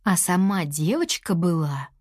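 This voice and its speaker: A woman narrating a children's story in a lively, expressive way. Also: on the low side, unhurried, dry recording, studio quality.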